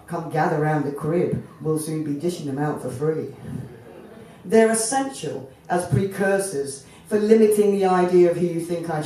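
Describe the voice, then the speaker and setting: Recorded from the audience at a distance, this echoey clip features a spoken word poet in their thirties who was born in Fiji and grew up in Jamaica. Performing at a stand mic on a festival tent stage outdoors, they speak in a warm, mid-range voice with rhythmic, emphatic phrasing. A little hiss or hum can be heard.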